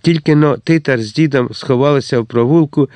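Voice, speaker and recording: A man reading a historical novel aloud as an audiobook narrator, in a steady, measured storytelling manner. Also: medium pitch, no echo.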